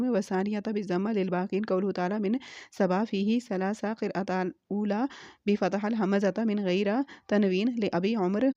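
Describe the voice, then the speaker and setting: A woman's voice: medium pitch, dry recording. Woman steadily a commentary. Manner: steady, methodical recitation of variant readings. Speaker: reader of a Quran commentary. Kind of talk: reading aloud a scholarly text on Quran readings. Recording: dry, slightly dull home recording.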